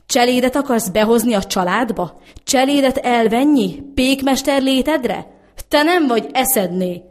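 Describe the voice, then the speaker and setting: Stubborn old master baker read by a woman: gruff, scornful, storybook father. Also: fairly high pitch, expressive, natural voice. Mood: furious.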